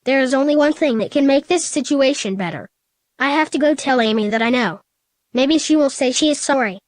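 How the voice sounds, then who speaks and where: Bitter, shouting teen hedgehog boy, read by a woman, fairly high voice and dry sound. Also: fairly quick, no echo, close to an everyday voice. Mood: brooding. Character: angry hurt teenage male hedgehog.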